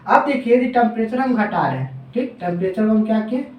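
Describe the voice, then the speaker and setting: Man, teacher, lecture, answers his own questions, slows down for formulas, roomy echo. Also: animated, distant mic, dull audio. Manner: asks questions and answers them himself, drops pitch on answers; slows down when dictating formulas. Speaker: civil engineering teacher. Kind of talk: classroom lecture. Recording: echoey room, voice off-mic.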